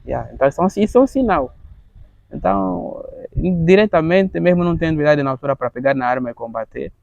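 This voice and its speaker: Casting: Angolan-accented man in his thirties, fairly high and gravelly, earnest advocate whose testimony halts and repeats words. Dry, dull lo-fi recording. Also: sing-song, a little mellow, no echo. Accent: Angolan Portuguese. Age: 30s. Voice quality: gravelly, halting with frequent word repetitions.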